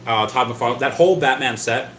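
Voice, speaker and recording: Speaking a little fast in a slightly bright mid-range voice, the livestream host reads out chat messages and rambles on, frequently stammering and saying words twice. A faint hiss or hum accompanies the echoey room.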